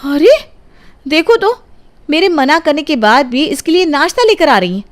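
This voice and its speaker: Woman doing a shrill, strict cartoon mother. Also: sing-song, moderate pace. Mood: scolding. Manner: shrill, scolding. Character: strict, exasperated young mother. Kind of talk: cartoon storybook voice acting.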